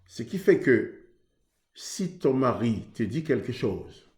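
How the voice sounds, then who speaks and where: A man's voice: medium pitch, very animated, slow, darkish tone, roomy sound. A man from Haiti preaching earnestly on marriage, in a conversational way that acts out both sides of a couple's exchange. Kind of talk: sermon on marriage.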